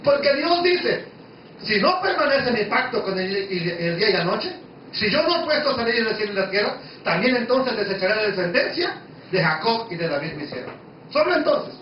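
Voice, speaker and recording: High-pitched guy preaching, keeps quizzing the room, super echoey and kinda far from the mic. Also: sing-song, normal speed, highs cut off, a little hiss or hum. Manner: asks the congregation questions, emphatic and conversational. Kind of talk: Bible-study sermon.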